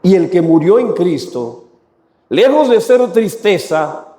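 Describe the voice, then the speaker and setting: A man's voice: high-pitched, very animated, takes it slowly, mellow. A man preaching a sermon to his congregation, asking them rhetorical questions. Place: church. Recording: echoey church hall.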